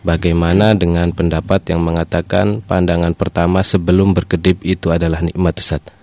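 A man's voice: sits low, flat delivery, a little fast, darkish tone, dry recording. A man presenting a programme as an AM radio host.

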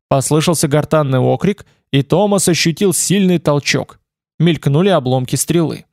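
A man reads an adventure novel aloud as an audiobook, in steady storytelling. His voice sits fairly high and is gravelly. The sound is dry and close. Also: dry recording. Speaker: audiobook narrator. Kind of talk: scripted narration.

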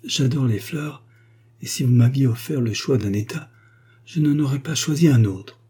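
A man reading a gentle, grateful young girl. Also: mid-range voice, normal speed, slightly rough, lightly acted. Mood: tender. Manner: soft, earnest and tender.

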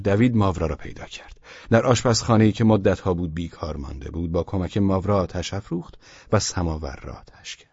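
Deep, husky male audiobook narrator. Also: dark tone, no echo, muffled recording. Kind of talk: scripted narration of a novel.

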